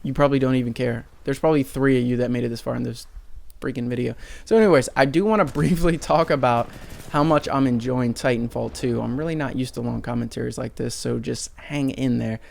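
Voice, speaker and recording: A man's voice: mid-range voice, brisk, creaky, darkish tone. A man giving casual, rambling, self-mocking commentary over his own gameplay footage. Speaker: gaming commentator.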